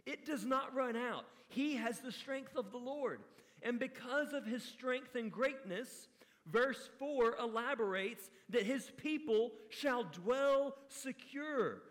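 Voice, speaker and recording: A male pastor preaching a sermon with earnest emphasis, dropping to hushed appeals. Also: very high voice, slow pace, in a large hall.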